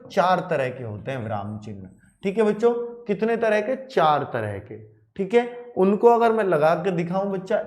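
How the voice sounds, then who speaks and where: Male exam-prep Hindi teacher with a slightly high, very lively voice; keeps calling the class children and asking if they follow. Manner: animated, addresses students as children, repeats and asks checking questions. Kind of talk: classroom lecture to exam students.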